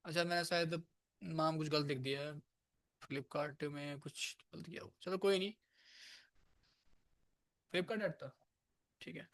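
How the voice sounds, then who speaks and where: A man's voice: fairly high pitch, fairly even intonation, unhurried, long pauses, fairly bright tone. A man teaching programming to a class in a room, casual and chatty, coaxing and teasing his students. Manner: casual, scolds and coaxes students. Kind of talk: live classroom lecture.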